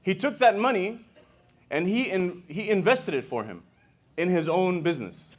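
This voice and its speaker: A man delivers a sermon in a high-pitched voice, talking to the congregation as if chatting with friends. He retells an old story in an animated way, dropping in "you know" and "right?" as he explains the lesson. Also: moderate pace. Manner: animated storyteller, swings in loudness. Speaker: imam.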